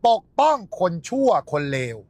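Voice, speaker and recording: A man's voice: measured pace, a little mellow, no echo. A man on a livestream, ranting in a coarse, taunting and mocking way. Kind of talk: angry livestream rant.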